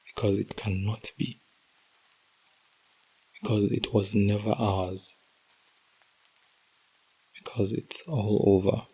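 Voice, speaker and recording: A man hosting a podcast, reading a heartbroken letter aloud in a slow, emotional, intimate delivery that drops to whispers at times. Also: lowish voice, fairly even intonation, dark tone, slightly rough, low-quality recording. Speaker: podcast host.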